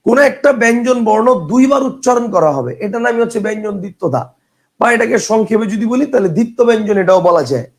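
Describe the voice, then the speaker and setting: A man's voice: high-pitched, expressive, a little fast. A man teaching a grammar lesson for exam preparation, explaining patiently, repeating examples and checking that his students follow. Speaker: exam-prep grammar tutor. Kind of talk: online lecture.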